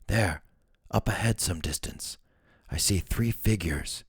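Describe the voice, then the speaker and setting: A calm, gentle woman from a fantasy audiobook who speaks slowly and with care. Her voice sits a little above a deep man's register, as a man reads her, and the sound is dry and close. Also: slightly rough, no echo, heavily acted. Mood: urgent. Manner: slow, measured.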